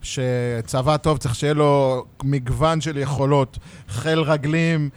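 A man's voice: medium pitch, steady tone, clear, resonant tone. A man in a heated sports debate, insisting on finishing his argument against interruptions. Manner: insistent, keeps asking to finish. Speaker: podcast panelist.

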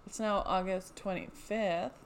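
A woman's voice: mid-range voice, fairly even intonation, unhurried, gravelly, slight background noise. Dry, teasing young woman. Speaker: podcast co-host. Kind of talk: casual podcast chat.

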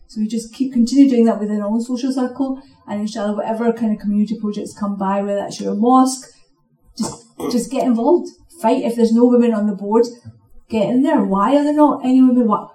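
A woman's voice: mid-range voice, warm tone. A woman on a panel speaking earnestly, building to rallying calls. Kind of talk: panel talk. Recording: distant voice in an echoey hall.

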